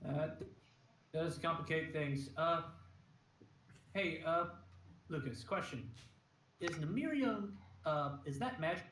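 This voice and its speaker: A man playing a tabletop game, excitable and jokey, thinking out loud as he rambles. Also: fairly high pitch, slow pace, pauses often, a little hiss or hum. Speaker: player. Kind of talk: casual tabletop game chat. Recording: echoey room, far from mic.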